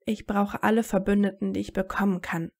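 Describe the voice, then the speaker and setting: A blunt teenage wizard hero, sarcastic and determined, talking straight to the point, as a woman reading a fan story gives him voice. The voice has a gravelly, creaky grain. It stays near her own reading voice. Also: mid-range voice, level tone, fairly quick, darkish tone, natural voice. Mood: blunt, tense.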